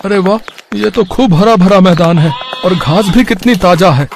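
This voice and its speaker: A man's voice: sits high, moderate pace. A man voicing a poor, humble goat farmer who talks simply and earnestly in a cartoon story.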